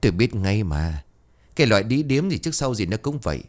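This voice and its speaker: A furious old village chief from a spoken ghost story, voiced by a man. He barks and scolds in a low voice that swings up and down in pitch. He is domineering and harsh. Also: very animated, brisk, a little mellow. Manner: barking, scolding.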